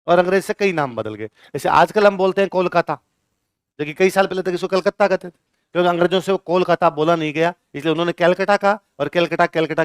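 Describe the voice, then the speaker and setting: A man teaches a class in a lecture and keeps quizzing his listeners. His voice sits fairly high and sounds clean and crisp. The recording is dry and close. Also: no echo. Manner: asks the class questions and answers them himself.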